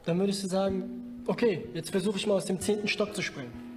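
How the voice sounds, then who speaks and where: A blunt young street guy, as an actor plays him, with a fairly high voice, talking in rough slang while trying to comfort a friend. Faint music plays underneath. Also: brisk, close to an everyday voice. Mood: earnest. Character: streetwise drug-addicted young man, blunt but caring. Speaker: film character. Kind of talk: film drama dialogue.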